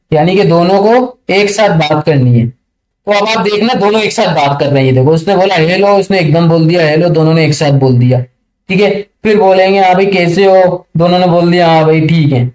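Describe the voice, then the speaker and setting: A man teaching a networking lesson over a screen share, chatty and often checking that listeners follow, reading English passages slowly and haltingly. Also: high-pitched, darkish tone. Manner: chatty, keeps checking understanding. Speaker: networking tutor.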